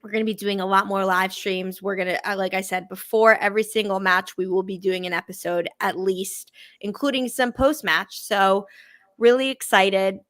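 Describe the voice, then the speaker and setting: A woman's voice: medium pitch, fairly even intonation, normal speed, fairly bright tone, no echo. A woman, hosting a casual live sports stream, upbeat and chatty, full of "you know" and "like". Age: 20s. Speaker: sports show host.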